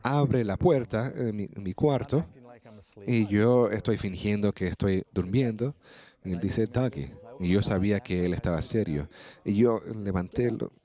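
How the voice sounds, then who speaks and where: A man interpreting a sermon live into Spanish, telling a story and preaching, with halting restarts as he keeps pace. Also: lowish voice, warm tone.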